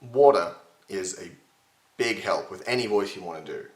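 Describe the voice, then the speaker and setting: A chatty young voice impression tutor with a deep, strained, gravelly voice records a casual tutorial on a desk-distance webcam in a home room lined with shelves. He's self-mocking, gestures with his hands, and speaks at normal speed with lively intonation, though the audio is poor and reverberant.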